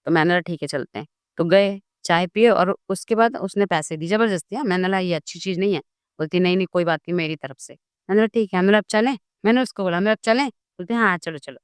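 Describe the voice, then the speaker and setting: A woman guest in a casual interview, telling a personal story in a lively way and acting out the dialogue. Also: lowish voice, fast talker, clean tone, dry recording, clean studio sound. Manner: animated storytelling, acts out dialogue. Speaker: guest devotee.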